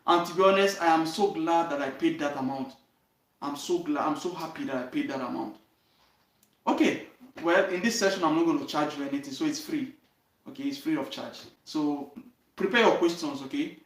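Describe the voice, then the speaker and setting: A young man with a Nigerian accent tells his own story straight to his viewers. His voice sits slightly high and his delivery is earnest, dotted with "okay?" and "you understand?". He sounds set back from the mic in a roomy, echoing space. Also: moderate pace. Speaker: channel host. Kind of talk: direct-to-camera life story talk. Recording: roomy echo, voice from a distance.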